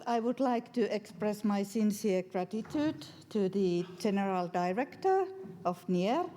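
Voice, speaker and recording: A woman with a Finnish accent gives a formal prepared presentation in careful, measured non-native English. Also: medium pitch, warm tone, a little hiss or hum. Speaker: education official and professor giving a presentation. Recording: reverberant hall.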